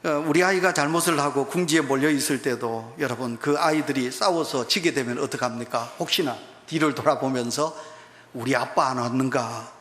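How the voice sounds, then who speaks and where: Fervent Gyeongsang pastor in an echoing church. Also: male voice, mid-range voice, a little fast, few pauses, fairly bright tone. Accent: Gyeongsang Korean. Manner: fervent, emphatic preaching with acted-out quotes. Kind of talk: sermon. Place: church sanctuary. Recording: echoey church hall.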